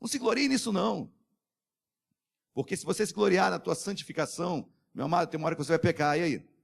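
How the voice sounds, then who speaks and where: Man, pastor, Brazilian accent, sermon, fairly high voice, loud calls and hushed asides, asks the church for amens. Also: quick pace, creaky. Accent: Brazilian Portuguese. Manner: preaching with sudden swings between shouted calls and soft, low asides.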